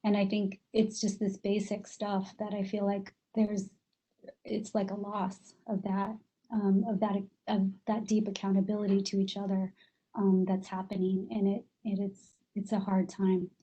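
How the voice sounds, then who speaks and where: A woman's voice: medium pitch, monotone, unhurried, dark tone, rough recording. A woman from South Korea, a parent, speaking as a panelist in an open discussion, hesitant with many fillers and restarts. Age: adult with a child.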